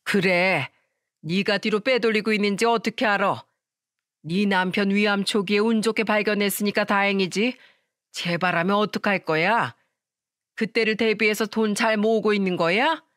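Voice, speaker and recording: A woman telling a story voices a suspicious older mother-in-law who barks accusations in a scolding tone, pitched higher and louder than her own narrating voice. The radio-drama-style recording is close and dry with no room sound, at a moderate pace, and the voice stays natural and accusing.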